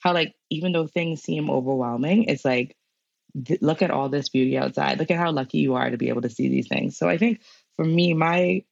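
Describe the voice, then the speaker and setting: Young Bahamian woman, interview guest, chatty and filler-heavy, gravelly voice. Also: low-pitched, fairly quick, no room sound, highs cut off. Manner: chatty, many fillers like "like" and "you know". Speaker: guest climate scientist. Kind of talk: casual interview answers.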